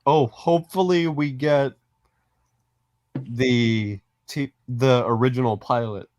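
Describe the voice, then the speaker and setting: A man's voice: mid-range voice, slow pace, darkish tone, no echo. A man co-hosting a casual fan podcast, talking in a rambling, hesitant way with many restarts. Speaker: podcast co-host.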